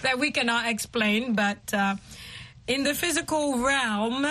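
A woman's voice: fairly high pitch, a little slow, pushed and bright. A woman hosting an English lesson in a conversational teaching style, explaining with simple spoken examples. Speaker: host of an English lesson show.

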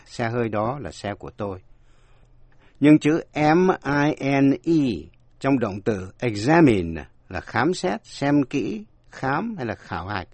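A man's voice: medium pitch, no echo. A man giving a scripted radio language lesson, explaining word meanings and spelling words out letter by letter. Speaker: language teacher.

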